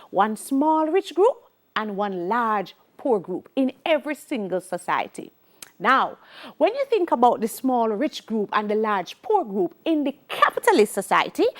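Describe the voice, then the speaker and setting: On a televised sociology lesson, a middle-aged Jamaican-accented woman speaks in a high-sitting voice. She hammers home key points through repetition and drifts into Creole now and then.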